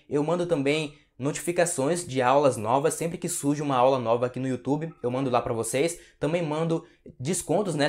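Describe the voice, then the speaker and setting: A man with a Brazilian Portuguese accent, answering viewer questions as a language teacher in a relaxed, casual way. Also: mid-range voice. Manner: relaxed, repeats tags like "tá?" and "né?". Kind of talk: casual Q&A lesson to camera.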